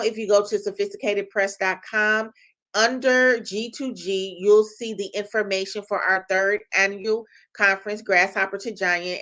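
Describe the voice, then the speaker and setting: A woman's voice: medium pitch, pushed and bright. A middle-aged woman who leads a publishing company, giving an emphatic motivational talk that repeats phrases and checks in with "right?".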